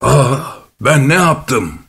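A man's voice: medium pitch, lively intonation, slow, vocal fry, fairly bright tone, slightly rough, exaggerated voice. A man voicing a careless, greedy dog in a storybook reading, sulky and threatening. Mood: whining.

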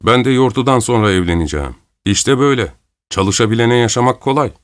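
A man reading a story aloud, voicing a smug, gruff peasant coal carrier who lectures in a droning tone. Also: medium pitch, lively intonation, fast talker, no echo, studio quality, natural voice. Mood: smug lecturing. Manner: droning, lecturing, self-satisfied.

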